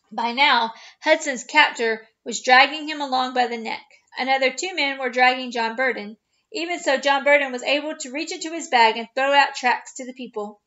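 Female storyteller, high voice, chapter-book read-aloud, lo-fi sound. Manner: steady, expressive read-aloud narration. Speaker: children's ministry storyteller.

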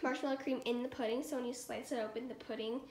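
Chatting quickly to her vlog in a fairly high, darkish voice with fairly even intonation, a roughly thirteen-year-old American girl peppers her speech with "like". It's a noisy handheld recording made at home in her bedroom and kitchen, with the camera or phone at arm's length.

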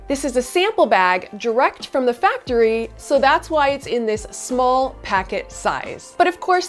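Woman in her thirties, higher voice, cheerful recipe host, lapel mic, soft music underneath. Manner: bright, upbeat step-by-step explaining. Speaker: bubble tea recipe host. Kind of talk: scripted cooking tutorial. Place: indoor studio kitchen set. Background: soft background music.

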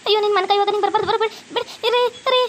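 A woman's voice: extremely high pitch, steady tone, rapid-fire, slight background noise. Woman voicing a wailing young daughter-in-law. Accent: North Karnataka Kannada. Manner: wailing, pleading.

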